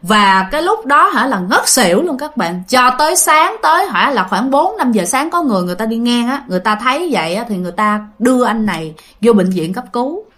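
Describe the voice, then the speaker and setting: A woman's voice: fairly high pitch, very animated, fairly quick, hardly any pauses, fairly bright tone. A woman with a Southern Vietnamese accent casually telling a ghost story, chatting to listeners with fillers and repeats.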